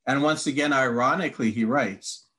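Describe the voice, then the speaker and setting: His mid-range voice is fairly bright and unhurried. A Bible teacher and native Hungarian speaker, he handles a teaching conversation in an orderly way, quoting long passages aloud and tallying his answers point by point.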